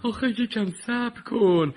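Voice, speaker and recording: A man voicing a patient older friend who gently advises and chides in a children's audio story. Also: high voice. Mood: advising.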